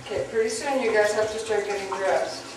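A middle-aged woman, a mother talking with family and giving an interview, brisk and instructing. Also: mid-range voice. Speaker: mother in a documentary. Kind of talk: everyday family talk and interview. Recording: echoey room from far off, noisy.

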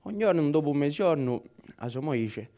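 A man's voice: a little high, fairly quick. A young man with a Corsican accent telling village stories and voicing the people in them. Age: young adult. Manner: animated, voices the characters in dialogue. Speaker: student storyteller.

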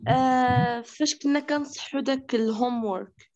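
A woman's voice: on the high side, normal speed, a little mellow. Hesitant woman student on a muffled call. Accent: Moroccan Arabic. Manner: hesitant, mixes Moroccan Arabic and English. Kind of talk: asking a question in class.

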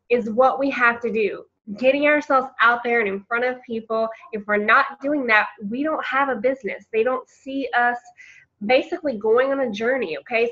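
A woman's voice: fairly high pitch, fairly bright tone. A woman leading a casual coaching presentation, chatty and encouraging, often calling her listeners "you guys.". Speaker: team coach leading a training call. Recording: lo-fi webinar audio.

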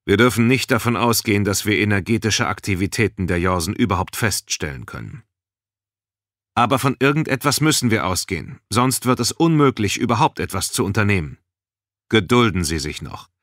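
A man voicing a stern, measured starship commander who speaks calmly and with authority. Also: fairly low pitch, no room sound, clean studio sound.

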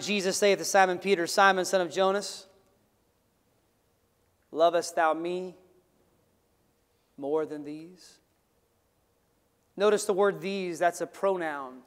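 Male pastor, high voice, sermon, call-and-response, long church reverb. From Florida. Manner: preaching with rising shouts and call-and-response. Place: church sanctuary.

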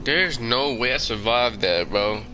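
A man's voice: medium pitch, animated, measured pace, bright, forceful tone, faint music behind, rough recording. A man giving casual, slangy commentary on a horror game, talking informally to the game and viewers.

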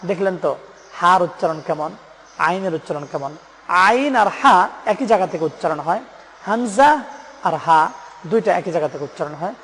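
High-voiced man teaching Quran letters. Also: expressive, a bit bright, long reverb tail, slight background noise. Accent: Bangladeshi Bengali. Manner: patient, repeats letter names slowly for learners. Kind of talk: step-by-step pronunciation lesson.

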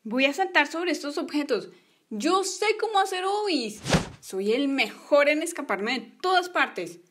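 A woman's voice: high voice, expressive, measured pace, noisy background. A woman voicing a bossy, stubborn young boy in a toy play story, whiny in manner. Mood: adventurous.

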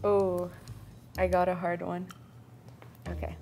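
A woman's voice: on the low side, little pitch movement, slow, gravelly, music in the background. A young woman talking casually as a contestant in a studio drawing game. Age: young adult. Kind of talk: casual chat. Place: small indoor studio set.

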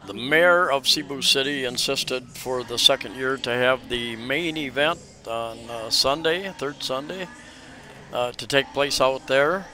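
Here a travel vlogger talks a little slowly in a mid-range voice, narrating an informal outdoor walking tour full of hesitations and false starts. His camera mic catches him on the move along a crowded festival street, with a loud crowd nearby.

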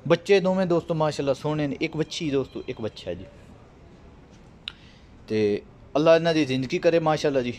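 A man's voice: on the high side, a little fast, pauses often, a little mellow, a little hiss or hum. A man filming outdoors on a farm with a phone camera, running a casual, friendly sales talk for viewers. He repeats himself and keeps addressing his audience as friends. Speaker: livestock sales vlogger.

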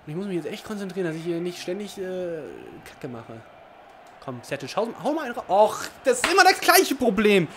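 Man, high voice, excitable let's play commentary, muttering then yelling, faint hiss behind. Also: brisk. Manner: excitable, swings from muttering to shouting. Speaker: gaming commentator.

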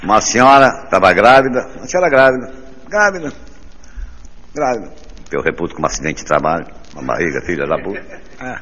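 Lively bawdy stand-up comedian, echoey hall. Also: male voice, lowish voice, quick pace, long pauses, slight background noise. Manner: bawdy, animated storyteller who jumps between character voices. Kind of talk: live stand-up joke telling. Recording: live stage recording in a reverberant hall with audience.

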